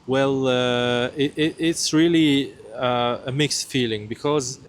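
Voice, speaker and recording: A man from Egypt, a design architect, answers a street interviewer slowly and thoughtfully, pausing often. A faint hiss sits under his voice. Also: mid-range voice, steady tone. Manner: halting, thoughtful, with fillers.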